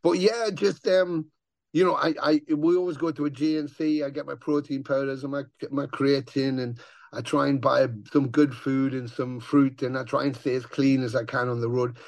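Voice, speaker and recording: A man with a gravelly growl, chatting casually as an interview guest and swearing as he tells stories. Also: mid-range voice, moderate pace, no echo. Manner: swearing, animated storyteller who acts out voices. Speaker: touring metal musician, guest.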